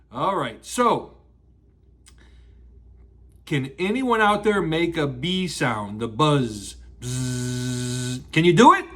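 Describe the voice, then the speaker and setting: Animated, high-pitched man telling a rambling grandpa story. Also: breathy edge. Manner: rambling playful grandpa storyteller, repeating and drawing out words; exclamatory, making sound effects. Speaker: children's storytelling show host. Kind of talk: animated read-aloud children's storytelling with asides to listeners.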